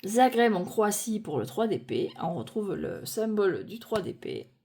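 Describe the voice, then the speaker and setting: Card by card, a French-speaking woman casually explores a tarot deck in a medium-pitched, sing-song, slightly mellow voice, with a little hiss or hum in the audio. She never rushes, thinking aloud with many fillers and repeatedly restarting or correcting herself.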